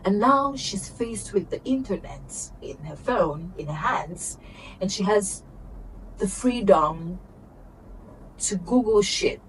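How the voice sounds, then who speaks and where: Young woman, casual storytime vlog, animated and laughing, mic a bit far off, faint background noise. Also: medium pitch, slow pace. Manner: animated, laughing, swings between whispers and exclamations. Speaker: vlogger.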